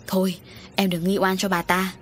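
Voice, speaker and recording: A woman's voice: medium pitch, little pitch movement, normal speed, a little hiss or hum, lightly acted. A woman doing an evasive, hot-tempered landowner. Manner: hesitant, then snapping.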